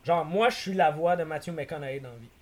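A man in his thirties with a Québécois accent, a podcast guest who rambles through animated stories and mixes in English slang. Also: a little high, quick pace. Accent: Québécois French. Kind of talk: casual podcast chat.

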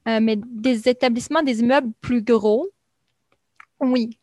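A young woman talks in an easy, chatty way, stopping often on small fillers as she explains. Her voice sits a little high. The sound is close and dry, with no room around it. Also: unhurried, dark tone, no echo. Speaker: guest recounting life in Brazil. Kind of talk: casual conversation.

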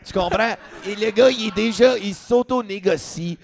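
Quebecois comedian guy spinning a story, fairly high voice, loose and swear-heavy. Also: moderate pace, crowd noise. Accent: Quebec French. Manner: lively storytelling, switching between French and English, swearing. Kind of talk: storytelling on a talk show.

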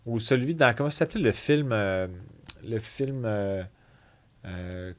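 A man's voice: fairly low pitch, expressive, unhurried. Hesitant Québécois man chatting. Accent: Québécois French. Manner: hesitant, many fillers and restarts. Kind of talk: casual chat.

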